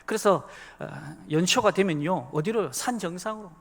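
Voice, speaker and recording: A man's voice: sits high, moderate pace. A man, an associate pastor giving a sermon in a church sanctuary, who talks chattily and speaks directly to the congregation. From Busan, South Korea. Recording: long reverb of a large hall.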